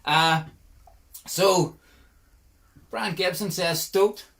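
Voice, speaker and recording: Jokey Northern Irish podcast host. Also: male voice, sits high, moderate pace, a bit bright. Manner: jokey, laughing, with restarts. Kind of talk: casual chat.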